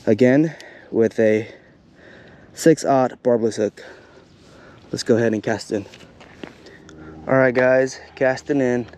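Slow, laid-back man filming outdoors. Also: mid-range voice, steady tone, a little mellow. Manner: laid-back, chatty, uses lots of fillers. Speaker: fishing vlogger. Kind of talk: casual vlog commentary. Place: outdoors on a bay shoreline. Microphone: action camera, hand-held or chest-mounted. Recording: faint outdoor noise.

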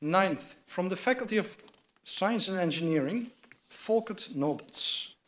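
In a large wood-panelled hall, an older man serving as award presenter at a university ceremony reads formal citations from his notes into a lectern microphone. He has a high voice with lively intonation, keeping a measured, scripted delivery. A loud crowd makes the recording very noisy.

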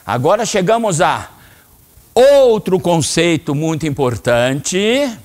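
A middle-aged man with a Brazilian Portuguese accent coaches a children's karate class. His voice is fairly high for a man and swings widely in pitch. He talks slowly and lays out each step with care. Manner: lively, coaching commands to children. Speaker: karate instructor. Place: training hall, indoors.

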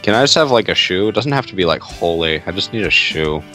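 Joining a group video call from home, this young co-host of a track review stream trades quick banter and casual remarks. His voice is low-pitched, sharp and animated, and he speaks fast. Guitar music plays in the background.

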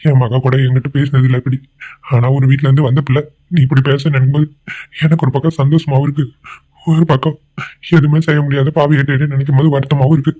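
A man's voice: medium pitch, little pitch movement, fast talker, warm tone, natural voice. A man voicing a remorseful, self-pitying middle-aged man who drinks, pleading and lamenting in a cartoon drama. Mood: sorrowful. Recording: tinny phone-like sound.

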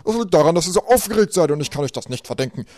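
A man's voice: a little high, lively intonation, racing, darkish tone, no echo, pitched above the performer's own voice, lightly acted. A man voicing a cheerful, oblivious middle-aged male banker in a raised, hearty manner for a homemade audiobook. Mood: eager.

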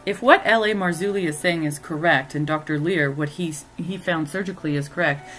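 A woman's voice: low-pitched, low-quality recording. A woman hosting a commentary show, talking in an earnest, speculative way. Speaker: host. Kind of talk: scripted commentary.

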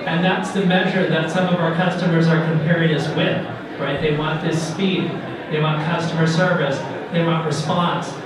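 Middle-aged guy doing a keynote at a podium, higher voice, big echoey hall, mic kinda far off. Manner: earnest, encouraging, addresses the audience directly. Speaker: keynote speaker. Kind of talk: conference keynote speech. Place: large conference hall, at a podium. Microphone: podium mic on a stand. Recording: echoey hall, recorded from afar.

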